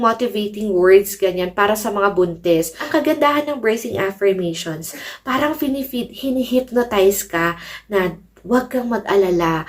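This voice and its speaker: A woman vlogger giving pregnancy tips in a chatty way, often calling her viewers "mommies.". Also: medium pitch. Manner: chatty, addresses viewers as mommies, mixes English in. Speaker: parenting vlogger. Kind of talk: casual advice vlog.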